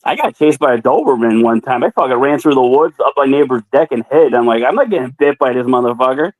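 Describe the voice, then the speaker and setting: A man's voice: medium pitch, expressive, quick pace, dry recording, poor audio. Blunt, profane man, dry sound. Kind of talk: casual chat.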